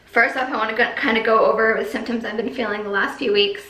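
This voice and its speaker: A young pregnant vlogger sits at home in an empty, echoey nursery, chatting through her update in a rambling way, short of breath and full of fillers and "likes." Her voice is a little high, steady and sharp, and she talks quickly. The bare room gives the recording a strong echo.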